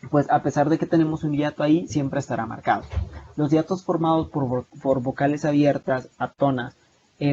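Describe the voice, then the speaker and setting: A young man with a Salvadoran Spanish accent explains a lesson over a video call, his voice pitched a little high and mellow in tone. He talks steadily but fills his pauses with many hesitations and restarts. The call sounds dull and lo-fi, with a faint hiss behind him. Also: husky. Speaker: online tutor. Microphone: video call mic.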